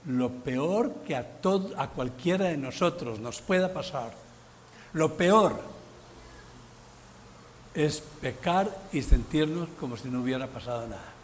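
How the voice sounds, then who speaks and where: A man preaching a Sunday sermon as pastor, emphatic, with sudden loud bursts and exclamations. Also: on the high side, lively intonation, slow pace, slight background noise. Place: church sanctuary.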